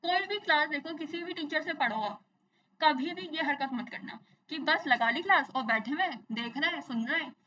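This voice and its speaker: Brief: bright, high-pitched young woman teacher, drilling terms by repetition; slightly distant, dull mic. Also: normal speed. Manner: explains in Hindi mixed with English, repeats terms, asks and answers own questions. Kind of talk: exam-focused science lesson.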